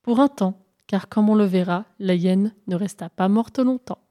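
A woman narrating a folk tale in a measured, even reading voice. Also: medium pitch. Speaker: storyteller.

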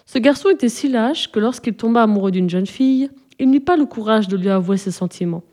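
A woman's voice: on the high side, fairly quick, dark tone, natural voice. A woman voicing a timid but wry young boy who tells a story, in a storybook reading.

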